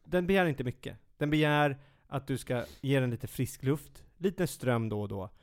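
A man chatting casually as a co-host, rambling and correcting himself with playful teasing. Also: mid-range voice. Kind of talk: casual chat.

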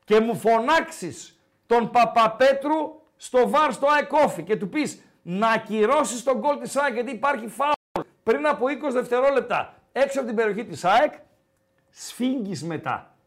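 A man's voice: very high voice, animated, fairly bright tone. A man hosting a call-in sports radio show, talking casually and animatedly and repeating himself for emphasis.

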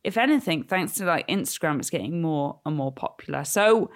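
A woman's voice: low voice, lively intonation, fairly quick. Young woman from North Wales, casual travel vlogger, playful teasing delivery. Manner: teasing, chatty. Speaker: travel vlog co-host. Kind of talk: casual chat.

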